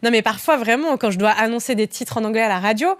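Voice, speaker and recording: A woman in her thirties, a radio host, chatting in a lively interview with frequent laughs and restarts. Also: fairly high pitch, fast. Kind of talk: casual interview chat.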